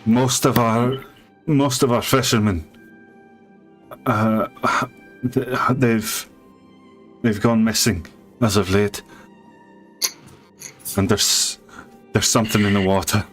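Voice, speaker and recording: A man voicing an anxious, deferential female shaman in a tabletop fantasy game, speaking in a halting, apologetic way. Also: fairly low pitch, fairly even intonation, faint music behind. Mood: worried. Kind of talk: tabletop fantasy role-play.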